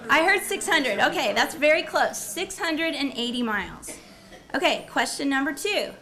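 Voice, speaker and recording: A woman professor presents at a university symposium to a live audience, shifting from a prepared talk to quizzing listeners and repeating their answers. She speaks at normal speed in a high-pitched, expressive voice that is bright and forceful.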